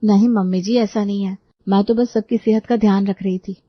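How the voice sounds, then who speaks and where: A modern young daughter-in-law, voiced by a woman in a cartoon story, polite but firm, in an even, mid-pitched voice. The sound is dull and lo-fi and very dry. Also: fairly quick, dry recording, lightly acted.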